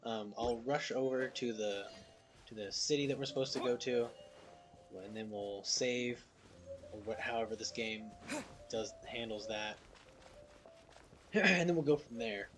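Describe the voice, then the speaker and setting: A man's voice: mid-range voice, measured pace, long pauses. A man giving casual, slangy commentary on a video game, addressing his viewers.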